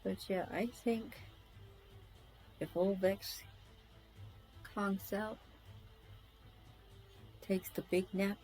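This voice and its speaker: A woman's voice: mid-range voice, fairly even intonation, drawn-out words, pauses often, dark tone, soft background music, poor audio. A woman chatting casually while she draws, rambling, scattered and self-deprecating, often muttering to herself. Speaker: artist streaming a drawing session.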